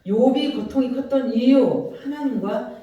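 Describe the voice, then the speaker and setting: A pastor with a Jeolla Korean accent delivers an animated sermon, acting out prayers in a mellow voice. The sound rings through a large church hall with strong echo. The voice is picked up from well away from the microphone. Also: mid-range voice, a little slow, dull audio. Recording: very echoey church hall, voice from far off.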